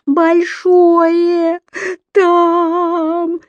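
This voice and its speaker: A woman's voice: a little high, lively intonation, measured pace, darkish tone, no echo, highs cut off, pitched above the performer's own voice. A woman voicing a small frightened raccoon girl who cries and pleads. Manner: tearful, pleading.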